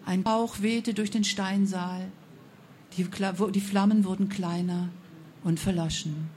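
A woman telling a fairy tale aloud, expressive, with a few slips and self-corrections. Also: medium pitch, a little slow, slight background noise. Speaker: storyteller.

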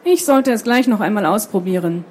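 A woman voicing a gentle, contented male mole in a storybook reading, speaking softly and dreamily. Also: medium pitch, animated, brisk, close to an everyday voice.

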